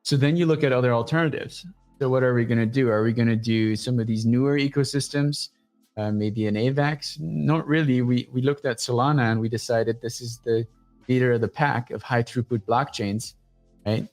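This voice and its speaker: A man talking as a guest on a casual livestream show, pitching his startup in a blunt, profane, energetic way. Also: moderate pace, faint music behind.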